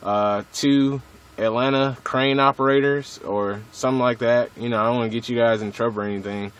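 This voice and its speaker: A man's mid-range voice, clear and resonant, comes a little fast with fairly even intonation as he chats over two-way radio from a vehicle at a truck stop. A CB hobbyist filming the exchange, he swears and leans on slang and radio jargon. The mobile recording is noisy.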